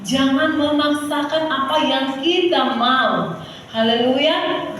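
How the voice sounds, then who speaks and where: A woman's voice: sits high, slow pace, a crowd in the background. A woman preacher giving a sermon, calling out to the congregation and sometimes breaking into song. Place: church hall. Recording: echoey hall, heard from far off.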